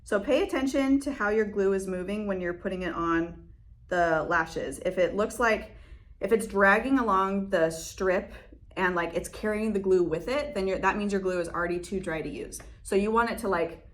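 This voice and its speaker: A woman's voice: medium pitch, normal speed. Young woman, casual tutorial host, chatty and giggly. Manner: chatty, laughs often, many fillers. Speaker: beauty vlogger. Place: room in her salon.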